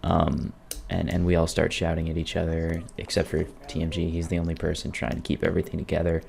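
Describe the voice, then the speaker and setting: Low gravelly guy doing a casual gameplay voiceover, kinda wry about his own screwups. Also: completely flat delivery, fast talker, darkish tone. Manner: wry, self-deprecating. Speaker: video creator narrating gameplay. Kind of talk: casual storytelling voice-over over game footage.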